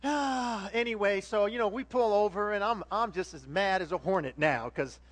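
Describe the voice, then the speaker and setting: A man with a high-pitched voice preaches a relaxed, conversational sermon. He tells his stories animatedly and keeps turning to ask his congregation questions. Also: moderate pace. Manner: animated storytelling, addresses the congregation directly. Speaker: pastor.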